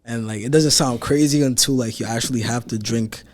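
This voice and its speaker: A teenage guy from Nigeria chats loosely as a podcast guest. He rambles through stories with filler words and slang, his pitch sitting in the middle of a man's range. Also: brisk. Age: teens. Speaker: guest rapper. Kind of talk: casual podcast chat.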